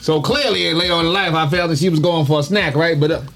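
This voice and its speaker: Male podcast co-host, casual storyteller, slightly higher voice, faint music under the talk. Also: fast talker, a bit bright. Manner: loose anecdotal storytelling with profanity and slang.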